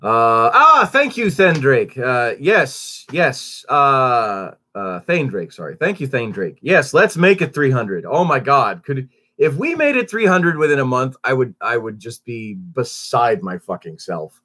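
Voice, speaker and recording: Man, stuffy nose, rambling casual channel update, swooping animated pitch, lots of ums and restarts. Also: measured pace. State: stuffy, under the weather. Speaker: YouTube channel host.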